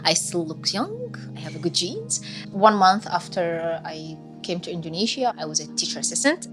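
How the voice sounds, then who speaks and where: A woman's voice: fairly low pitch, sing-song, moderate pace, rough recording. A woman in her thirties from Sudan, a refugee teacher, speaking candidly and earnestly about her life. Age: 30s. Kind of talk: personal testimony. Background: guitar music.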